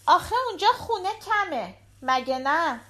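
In a short-story audiobook, a woman performs a small, talkative little girl who keeps asking questions, curious, chatty and quick. Her character voice is pitched extremely high, well above her own, with lively intonation and a bright, forceful tone.

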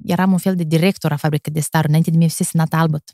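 A woman in her thirties, a TV presenter with a Moldovan Romanian accent, telling stories in a lively way with quick laughs and animated pitch jumps. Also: no room sound, studio quality. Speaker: TV presenter, podcast guest. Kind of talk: casual chat.

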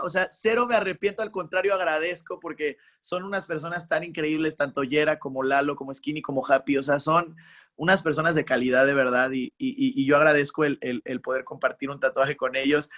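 A young man with a Mexican accent, a musician guest in a casual interview, talking in an animated, slangy way and acting out his own reactions. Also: a little high.

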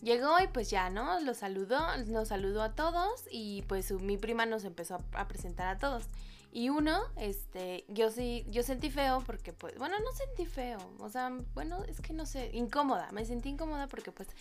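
A young adult woman with a Mexican accent, chatting casually and telling an animated story, acting out what people said with whispered asides. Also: fairly high pitch, normal speed, soft background music. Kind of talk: casual chat.

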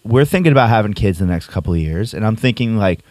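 A man in his twenties hosting a casual coffee podcast interview, friendly and quick to laugh, with lots of "like" and "you know". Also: lowish voice, animated, darkish tone, no echo. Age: 20s. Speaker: podcast host.

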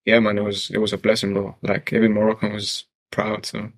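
Casting: young man, low monotone voice, relaxed slangy guest on a podcast, dry close sound. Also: brisk, no echo. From France. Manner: laid-back slangy speech with many fillers. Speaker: music producer guest. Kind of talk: casual interview talk.

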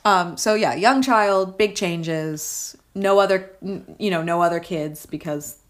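Chatty woman co-host, slightly low. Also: measured pace. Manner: chatty, filler-heavy, tags with "right?". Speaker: podcast co-host. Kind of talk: casual film discussion chat.

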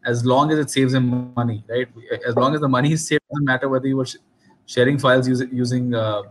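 A man's voice: mid-range voice, steady tone, fast, low-quality recording. A man with an Indian accent interviewing casually, repeating words as he builds his point. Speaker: interviewer and investor.

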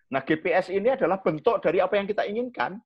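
A man with a Javanese accent explaining to young people in a relaxed chat, animated and acting out little scenes with sharp quoted lines. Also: high-pitched, fast, husky. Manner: animated, acts out examples with sharp raised-voice quotes. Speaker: communication coach. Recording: dull lo-fi sound.

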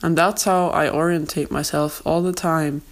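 A young adult woman hosting an informal educational podcast, explaining things in simple, repeated phrases on a low-quality makeshift recording. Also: steady tone, moderate pace. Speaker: podcast host. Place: home, during a move. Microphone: makeshift non-studio microphone.

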